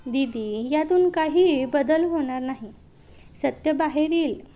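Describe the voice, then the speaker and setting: A woman voicing a cold, firm younger brother in a read-aloud story, in her own slow reading voice. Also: high voice, dark tone. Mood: cold insistent.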